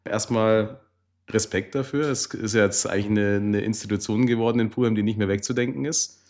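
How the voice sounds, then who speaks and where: A man with a low voice hosting a podcast interview. He asks his questions in a friendly, encouraging and slightly formal way. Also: fairly even intonation, brisk, darkish tone. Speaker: podcast host.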